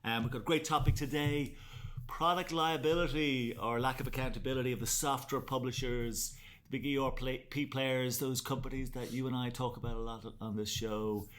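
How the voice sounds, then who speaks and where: A man's voice: medium pitch, fairly even intonation, normal speed, a bit bright. Chatty man co-hosting a podcast. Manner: chatty, jokey, rambling asides. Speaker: podcast co-host. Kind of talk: casual business podcast chat.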